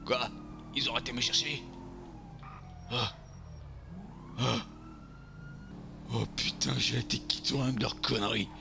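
Un homme qui joue un beauf ivre et vulgaire à l'marseillais, commentant sa partie de jeu vidéo, sur un fond de bruits de jeu bien audibles. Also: male voice, medium pitch, fairly even intonation, a little slow, gravelly, pauses often, noisy background. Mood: grumbling. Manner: crude, vulgar grumbling, talking to himself while playing. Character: boorish drunk beer-loving lout, man, crude and brash. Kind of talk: game role-play commentary.

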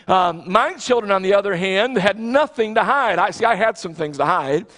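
A man's voice: high-pitched, animated, normal speed, a bit bright. An American man in his thirties preaching a sermon from a church platform, earnest and emphatic, often restarting his phrases. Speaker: pastor. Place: large church sanctuary, on the platform. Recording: long church reverb.

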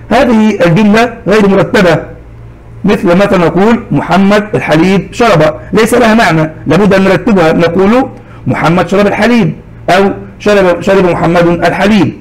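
A man teaching a recorded lesson to young children, slow and patient, saying each example word twice. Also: high voice, poor audio.

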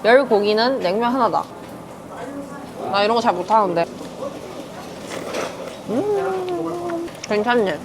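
A woman food vlogger chatting playfully as she eats, full of quick exclamations. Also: fairly high pitch, lively intonation. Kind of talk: casual mukbang chat. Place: busy restaurant. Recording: restaurant crowd chatter behind. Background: diners chattering.

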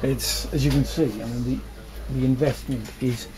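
An older man, founder of an audio company, gives a factory tour in a large indoor warehouse lined with shelving, captured on a camera mic. His medium-pitched voice is steady and a little slow, and he rambles with frequent restarts, gesturing with his hands as he talks.

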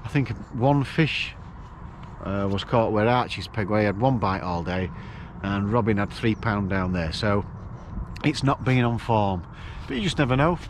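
A man's voice: fairly low pitch, lively intonation, moderate pace, a little hiss or hum. A middle-aged man, talking casually to camera outdoors beside a lake, chatting through his plans. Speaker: angler vlogger.

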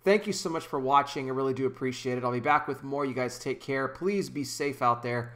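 A thirtysomething commentary host talks fairly quickly in a mid-range, rather bright voice for a casual home vlog. Seated in a small room with the kitchen behind him, he addresses his desk microphone earnestly, using hand gestures and repeatedly restarting.

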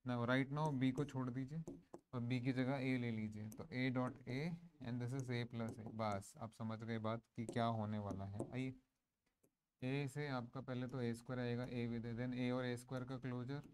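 Guy lecturing a math class, hindi mixed with english, keeps asking if it's clear, bit of background hiss. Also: medium pitch, little pitch movement, unhurried, darkish tone. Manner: mixes Hindi and English, asks the class to confirm. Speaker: maths teacher.

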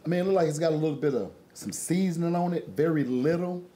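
A man's voice: a little high, fast, warm tone, a little hiss or hum. A man co-hosting a food review, bantering and teasing his partner in casual talk. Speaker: co-host of a food review show. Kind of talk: casual chat.

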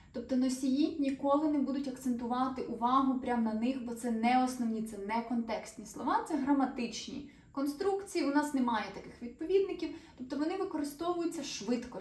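A woman teaching a grammar lesson to viewers, explaining patiently and putting questions to them. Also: a little high. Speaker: English teacher. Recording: echoey room, voice a little far from the mic.

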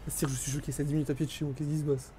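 Young male streamer, mellow fairly high voice, self-mocking live game chatter over faint music. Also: little pitch movement, racing. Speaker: gaming streamer. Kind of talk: live gameplay commentary.

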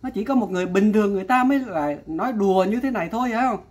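Husky exasperated male vlogger. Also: high-pitched, rapid-fire, darkish tone. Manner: exasperated, addresses viewers often, repeats exclamations. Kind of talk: commentary vlog.

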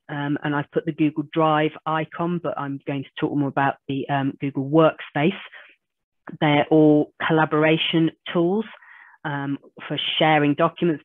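A business trainer with a low voice, hoarse from a cold, runs an online training webinar through a video call webcam. The audio is tinny with no echo, and she's chatty and self-deprecating while walking through screen demos.

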